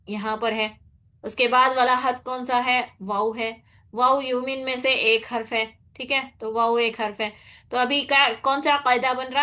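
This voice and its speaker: A woman from India teaches tajweed, the rules of Quran recitation, patiently explaining and checking in with her students. She then demonstrates with slow, drawn-out nasal recitation in a slightly high, sharp tone.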